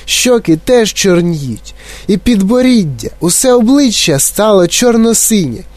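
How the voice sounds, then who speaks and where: A man's voice: moderate pace, mellow, dry recording, lightly acted. A man voicing a shrieking, panicked middle-aged mother in a storybook reading. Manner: high, shrill and frantic.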